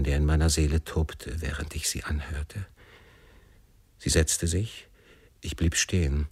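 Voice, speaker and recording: A man reads a classic novel aloud as a first-person narrator, measured and emotive. His voice sits very low. The recording is dry and close, with no room sound. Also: darkish tone, dry recording. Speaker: audiobook narrator.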